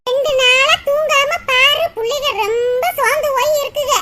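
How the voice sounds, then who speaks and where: A woman's voice: extremely high pitch, steady tone, normal speed. A woman voicing a kind, motherly neighbor woman in a cartoon, talking in a soothing, reassuring, chatty way. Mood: caring. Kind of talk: cartoon voice acting. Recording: loud background noise.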